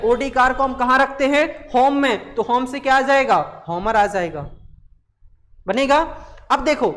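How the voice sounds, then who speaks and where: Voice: high-pitched, a bit bright. Teacher in a reverberant room. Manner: asks questions and answers them, repeats key words. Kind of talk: live online exam-prep lesson.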